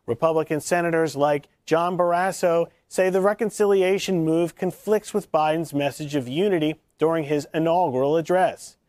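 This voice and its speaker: A male news correspondent reading a political report in a steady, even delivery. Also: fairly high pitch, normal speed, hardly any pauses, no echo.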